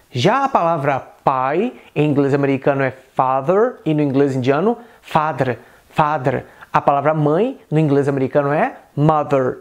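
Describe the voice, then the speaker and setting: A man with a Brazilian Portuguese accent teaching an English pronunciation lesson, repeating each example word slowly and carefully. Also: a little high, a little mellow.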